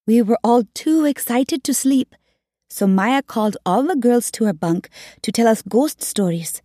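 A woman narrates a novel for an audiobook with measured, even reading. Her voice sits a little high, with a dark, breathy tone. The studio sound is dry and close. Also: dry recording.

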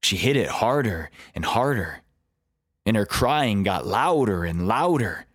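Reflective male memoir narrator with a low, dry voice. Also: sing-song, measured pace, no echo. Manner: reflective, confessional.

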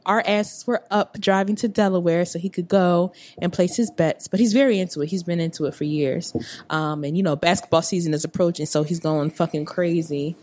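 A woman's voice: lowish voice, a little mellow. A woman in her late twenties chatting casually on a podcast, rambling with lots of fillers and asides. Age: 20s. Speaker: podcast guest. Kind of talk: casual chat.

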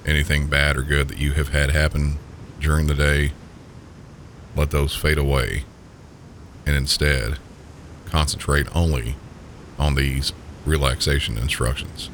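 Very deep Southern sleep story narrator. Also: male voice. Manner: calm, gentle, unhurried guiding. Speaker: sleep story podcast host. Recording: steady low rumbling background noise. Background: low pink-noise rumble.

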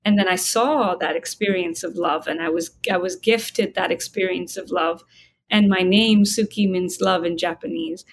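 A woman interview guest speaking about spiritual matters in a calm, reflective way, slowing down to stress her points. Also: lowish voice, slight background noise. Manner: calm, reflective, slows down for emphasis. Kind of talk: conversational interview.

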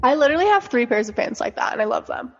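A woman's voice: sits high, big pitch swings, rapid-fire. Girly young woman, dull echoey recording. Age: young adult. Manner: girly, filler-heavy talk peppered with "like". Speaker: podcast co-host. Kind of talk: casual chat.

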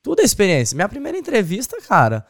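Lively, quick-talking man. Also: fairly high pitch. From Brazil. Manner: chatty, agreeable, jokey asides. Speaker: interview host. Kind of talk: casual interview chat.

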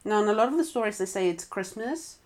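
A woman storyteller reads a folk tale aloud to a listener in a conversational way, often breaking off for casual asides and restarting. Her mid-range voice has lively intonation and a quick pace.

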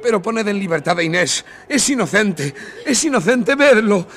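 An actor playing a desperate, defiant young man in a radio play, shouting accusations and pleading. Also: sits high, lively intonation, moderate pace. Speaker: lead actor. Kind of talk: radio drama acting. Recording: radio play with music behind.

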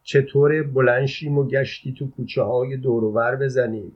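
A man's voice: mid-range voice, flat delivery, lightly acted. A man reading an audiobook, voicing a sick, hungry old father who snaps and curses, on a dull lo-fi recording. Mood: weary. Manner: gruff, snapping, insulting.

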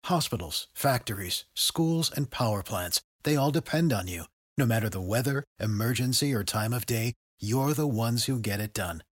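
Male ad announcer, middle pitch, dry close sound, earnest read. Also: animated, normal speed, dry recording. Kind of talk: scripted ad read.

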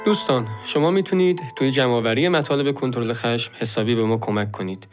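A male podcast host reads a friendly, scripted sign-off to his listeners. His voice sits at a middle pitch, and soft music plays underneath.

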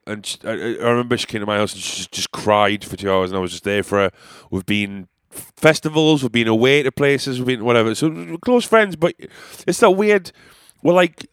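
With a clear, resonant mid-range voice, this man hosts his own podcast in a clean studio recording free of echo. The comedian and musician rambles through a casual, sweary, self-deprecating monologue, his nose audibly stuffy.

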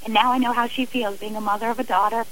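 A woman's voice: on the high side, fairly even intonation, quick pace, a bit bright, rough recording. A middle-aged woman guest on a radio interview, speaking earnestly and from the heart about her own experience, often restarting her sentences. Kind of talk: radio interview, personal account.

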